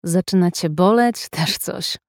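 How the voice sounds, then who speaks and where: A woman's voice: fairly low pitch, unhurried, no echo. An offhand young man who teases and shrugs things off, as a woman reads his lines in a story. His voice stays light and easy, never pushed into a put-on character, and the recording is close and dry. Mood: teasing. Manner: offhand, teasing. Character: casual teasing young man, boyfriend type.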